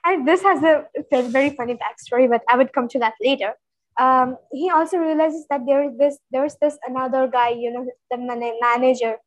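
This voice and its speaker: A woman co-hosting a casual book discussion, retelling chapters in an animated, stuttering way with frequent laughs. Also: high voice, brisk, no room sound, poor audio. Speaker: book club co-host.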